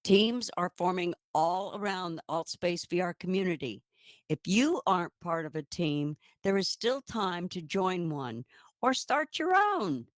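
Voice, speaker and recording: Lower-voiced cheerful woman news co-host. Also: sing-song, unhurried, dry recording, clean studio sound. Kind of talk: live-stream news reading.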